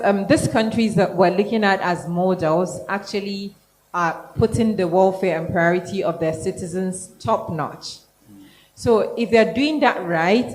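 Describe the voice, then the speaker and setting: A woman moderating a panel forum, brisk and directive as she passes the mic to guests. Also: mid-range voice, darkish tone, rough recording.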